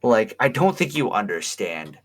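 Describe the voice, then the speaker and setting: A man's voice: on the low side, very animated, moderate pace. A man chatting and joking animatedly as a podcast host, laughing often. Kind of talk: casual chat.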